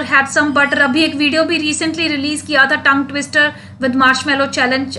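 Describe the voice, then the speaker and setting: A high, bright woman's voice with an Indian English accent, teaching a live online English class. She speaks slowly, repeating each sound and letter with patience. A faint hum runs underneath.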